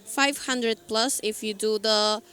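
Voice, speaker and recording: A woman's voice: a little high, fairly even intonation, slow, bright, forceful tone, clean tone. A young woman from Spain answering interview questions in short, simple sentences.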